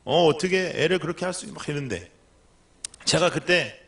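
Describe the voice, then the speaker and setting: A man's voice: fairly high pitch, lively intonation, moderate pace, a bit bright. A middle-aged male pastor preaching a sermon, telling a story and acting out the lines of the people in it.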